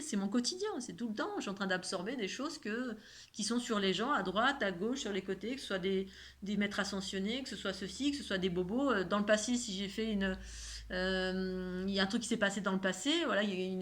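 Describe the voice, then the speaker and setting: A woman with a mid-range voice and a slight lisp that softens her s sounds. She talks casually and at length like a spiritual teacher, rambling from one thought to the next. She often repeats a word or phrase to stress it. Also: mid-range voice. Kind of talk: casual spoken monologue about spirituality.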